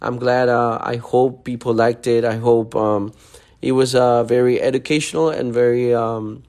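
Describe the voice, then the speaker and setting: A man's voice: medium pitch, steady tone, moderate pace, a little mellow. Rambling Honduran-born man hosting a podcast. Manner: friendly, rambling, many fillers. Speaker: podcast host. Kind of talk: casual podcast chat. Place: Miami.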